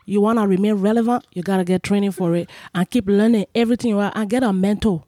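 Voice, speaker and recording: A woman , acted by a podcast guest, gives firm, emphatic instructions. Her tone is mellow, and the recording is very dry. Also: mid-range voice, steady tone, fast, no echo, natural voice. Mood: assertive.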